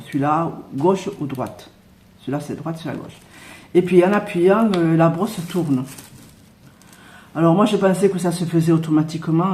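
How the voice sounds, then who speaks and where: A woman, unboxing her haul in a casual chat, pausing often with fillers and speaking a little loudly on purpose. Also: fairly low pitch, reverberant. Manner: hesitant, many filler pauses. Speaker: unboxing vlogger.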